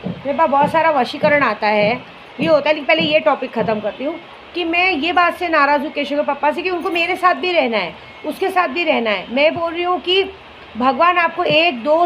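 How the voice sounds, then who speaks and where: A woman's voice: high voice, a bit bright, slight background noise, rough recording. A woman in her forties talking straight to camera in a candid, indignant monologue, complaining and repeating her points. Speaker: vlogger.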